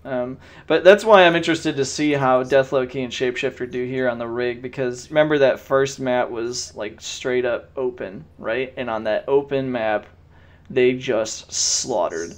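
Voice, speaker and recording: A man's voice: medium pitch, normal speed. A man hosting and commentating a gaming tournament stream, chatty and joking with the live chat.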